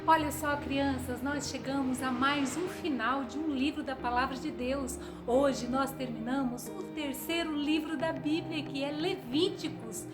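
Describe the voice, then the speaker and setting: High sing-song Brazilian woman, children's host. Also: fairly even intonation, measured pace, hardly any pauses. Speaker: host of children's Bible story show. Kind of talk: presenting to children. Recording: loud music behind. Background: loud music.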